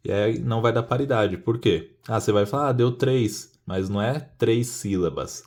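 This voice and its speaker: A man with a lowish, slightly mellow voice speaks at normal speed in a casual, hands-on tutorial. He explains a puzzle-cube method step by step, often asking rhetorical questions.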